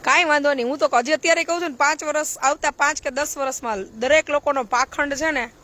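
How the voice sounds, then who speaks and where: A woman's voice: high-pitched, quick pace, a bit bright. A woman, a charity social worker giving a blunt, preachy live-stream talk full of rhetorical questions.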